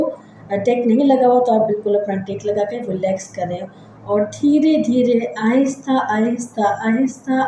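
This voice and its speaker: A woman hosting a psychology channel, gently leading listeners through a body scan meditation with slow, repetitive step-by-step guidance. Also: a little high, heavy reverb, slight background noise, poor audio.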